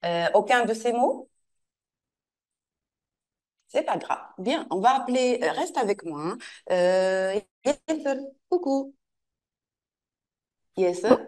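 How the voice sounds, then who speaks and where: A woman teacher giving an online French lesson to a pupil, patiently repeating and modeling words slowly. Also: on the high side, animated, a little mellow.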